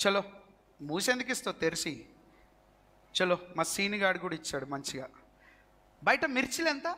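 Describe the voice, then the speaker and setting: A man with a Telangana accent preaches to his congregation in a very high, sharp, bright voice. He is animated and keeps calling on the crowd to answer him. Long reverb rings through the hall around him. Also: moderate pace. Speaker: pastor. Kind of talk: sermon with live demonstration.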